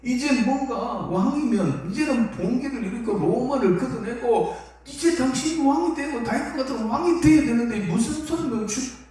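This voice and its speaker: Anxious older male disciple, protesting, stammering, high-pitched, echoey hall from far off, voiced by a man. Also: lively intonation, normal speed, darkish tone. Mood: pleading. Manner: pleading, stammering outbursts.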